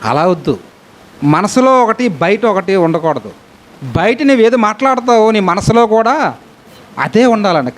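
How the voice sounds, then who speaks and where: High-voiced man preaching a Bible lesson. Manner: animated, asks many rhetorical questions. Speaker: Bible teacher. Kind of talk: sermon.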